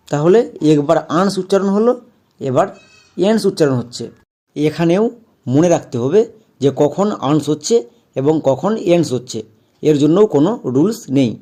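In a video lesson, a man teaches English pronunciation methodically, spelling words out one letter at a time and repeating key rules for emphasis. His voice is fairly high and mellow.

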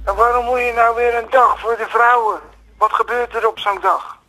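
A man's voice: very high-pitched, flat delivery, moderate pace, pushed and bright, rough recording. A man calling in to a radio show, rambling and flustered, breaking off to scold someone in the room beside him. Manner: flustered, distracted, scolding someone nearby mid-call. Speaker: radio caller. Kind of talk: rambling phone-in chat.

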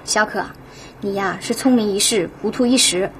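An actress playing a sharp-tongued, gossipy young office colleague in a TV drama, scolding and knowing. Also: female voice, medium pitch, moderate pace, a little hiss or hum, lightly acted. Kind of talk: TV drama acting.

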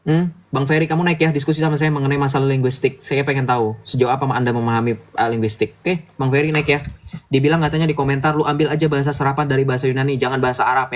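A man hosts a casual livestream. He talks at a middle pitch in a chatty, lecturing way and keeps asking his listeners to agree. He speaks into a streaming mic. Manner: chatty, lecturing, asks "betul nggak?" often. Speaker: livestream host.

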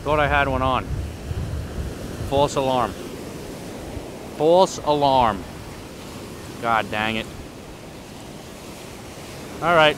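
A man vlogging his fishing trip on a windy beach, excited, swearing freely and talking to viewers. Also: on the high side. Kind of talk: casual outdoor vlog narration. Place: windy beach outdoors by the surf.

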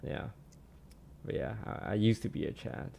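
A young man from Malaysia, chatting casually on a stream in a relaxed way, trailing off with many fillers. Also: on the low side, normal speed, vocal fry. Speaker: streamer answering questions. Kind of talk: casual chat. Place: small home streaming room. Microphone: studio mic on boom arm, headphones.

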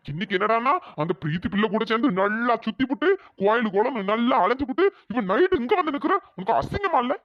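A man doing a furious gruff old father. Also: very high-pitched. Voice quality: gruff, scolding, threatening. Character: angry older father, loud and scolding. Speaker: father of the wife. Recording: dull, dry lo-fi audio.

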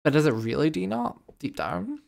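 A man's voice: fairly high pitch, very animated, normal speed, gravelly, a little mellow. A man streaming a game live, chatting casually with his viewers and reading their messages. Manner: chatty, reacting to chat and wrapping up with thanks.

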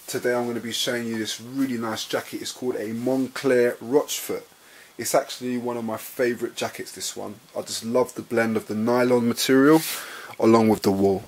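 A man with a London accent talking casually as he reviews a jacket at home, chatty and relaxed, often calling his viewers guys. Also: mid-range voice, a little fast. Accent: London English. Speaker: fashion vlogger reviewing a jacket. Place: indoors, at home beside a bed.

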